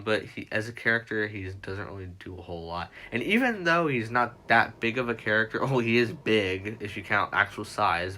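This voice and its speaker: A young man hosts a livestream in a fairly low, bright, forceful voice, with a little hiss or hum on the audio. He rambles casually through chatty fan talk, correcting himself often.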